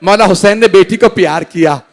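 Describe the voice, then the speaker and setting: A male cleric with a Pakistani Urdu accent gives a Muharram mourning sermon in a large indoor hall, reciting tragic episodes in a slow, lamenting way. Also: sits high.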